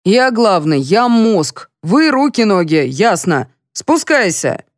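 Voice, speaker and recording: A woman playing a portly, self-important male police colonel in an audiobook, lecturing everyone in a condescending, bossy tone. The voice sits raised and loud, pushed with emphasis, in a dry, close recording. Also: mid-range voice, animated, normal speed, dry recording, voice pushed up, lightly acted. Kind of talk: audiobook character voice.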